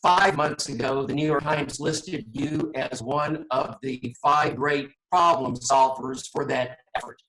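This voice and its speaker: A man's voice: medium pitch, fairly even intonation, measured pace, hardly any pauses, fairly bright tone, poor audio. A man moderating a panel, formally introducing a guest before asking his question.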